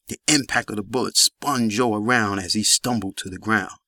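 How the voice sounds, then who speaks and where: A man narrating a gritty crime audiobook in an even storytelling manner. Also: on the low side, no room sound, studio quality.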